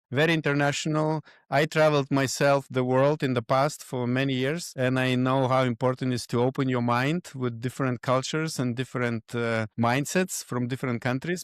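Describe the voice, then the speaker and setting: A man, a podcast guest who talks in halting phrases and searches for his words. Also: medium pitch, clean tone, no room sound, clean studio sound. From Lithuania. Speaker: guest, event organizer. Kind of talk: podcast interview.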